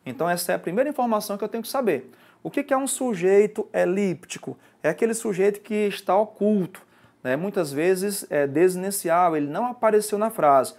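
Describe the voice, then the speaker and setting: A Brazilian-accented male teacher walks through grammar rules for an exam-prep class. His voice sits on the higher side for a man, and he keeps checking that the viewer follows. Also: brisk, darkish tone. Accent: Brazilian Portuguese. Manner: explanatory, often checking in with "certo?" and "ok?". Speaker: Portuguese language teacher.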